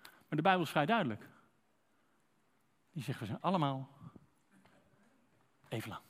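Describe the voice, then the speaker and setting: Dutch man preaching a lively sermon. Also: on the high side, moderate pace, breathy edge. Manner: conversational, addresses congregation directly with rhetorical questions.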